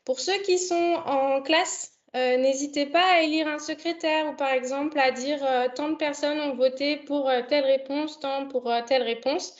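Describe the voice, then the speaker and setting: A young woman with a high voice hosts a live online session. She stops often on fillers and restarts her sentences. Her voice comes through a dull, lo-fi video call line. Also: steady tone, normal speed, few pauses. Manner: hesitant, many fillers. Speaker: online event host. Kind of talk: hosting a video conference. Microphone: computer mic on a video call.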